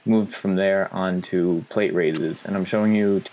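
A young man gives a casual voice-over explaining his gym workout in a relaxed coaching tone. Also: sits low, a little slow, slight background noise. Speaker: fitness vlogger.

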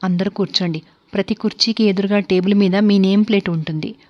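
A woman's voice: medium pitch, steady tone, fast talker, lightly acted. A woman voicing a stern, cruel-edged wealthy man hosting a dinner, speaking curtly and with command. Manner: curt and commanding. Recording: dull lo-fi recording.

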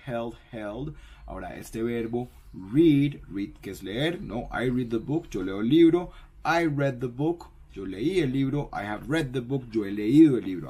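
Guy teaching english, low husky voice, repeats everything and keeps saying ok?. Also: warm tone. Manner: repeats each word, checks in with "ok?". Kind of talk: bilingual language lesson.

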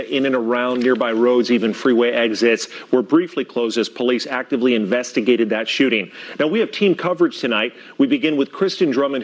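A man anchoring the late news in a television studio, in a polished, formal way. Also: mid-range voice.

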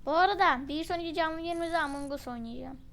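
A woman doing live gameplay commentary as a channel host, quick-tempered and exasperated, in slangy talk aimed straight at her viewers and teammates. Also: sits high, a bit bright, a little hiss or hum.

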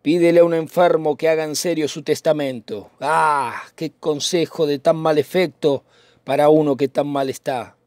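A man's voice: on the high side, steady tone, moderate pace, a little mellow, no echo, studio quality, close to an everyday voice. A man reading the part of a brooding, poetic young nobleman in a dramatic reading of a play, in a theatrical, declaiming manner. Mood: lovesick.

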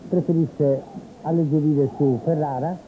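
A man from Italy giving live football play-by-play commentary on television, in a measured, descriptive way with pauses. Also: fairly high pitch, steady tone. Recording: tinny phone-like old TV broadcast, noisy stadium. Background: stadium ambience.

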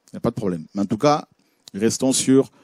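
A man's voice: medium pitch, animated, brisk, a little mellow, no echo, studio quality. A man preaching a sermon, reading scripture aloud and commenting on images, with frequent fillers and restarts. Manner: hesitant, many fillers and restarts.

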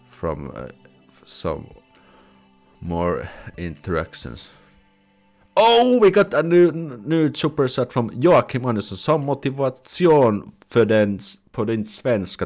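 A young man from Finland, with a lowish, slightly mellow voice and a Finnish accent, hosts a casual live stream in a small room at home. He reads out viewer comments and chats, often restarting his words and slipping into Swedish phrases, through a headset with a desk mic in front.

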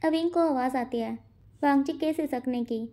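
Woman narrator, high and mellow, steady fanfic retelling. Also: moderate pace. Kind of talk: story narration.

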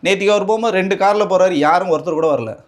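A man with a Tamil Nadu accent argues his case in a heated political interview. His voice sits high and his words tumble out at great speed. He presses the interviewer with rhetorical question after question. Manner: combative, rapid rhetorical questioning. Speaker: political party spokesman.

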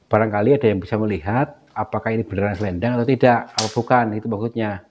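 A man from Central Java, hosting a vlog and speaking in a hushed, cautious way to an unseen spirit inside a cave. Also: fairly low pitch, fast talker, highs cut off, a little hiss or hum. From Cilacap, Central Java. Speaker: vlog host, ghost hunter. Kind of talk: casual running commentary.

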